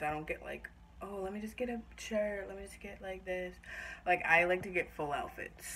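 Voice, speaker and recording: A woman's voice: medium pitch, a bit bright. A young woman casually vlogging a clothing haul in a small home kitchen, chatty and upbeat, often trailing off. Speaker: fashion vlogger. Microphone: phone camera set far across the room. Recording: echoey room, mic far off, noisy.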